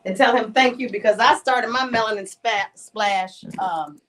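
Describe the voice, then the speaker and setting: A woman's voice: a little high, normal speed, fairly bright tone. A woman speaking as a guest on a radio show, enthusiastic and grateful. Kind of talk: casual chat.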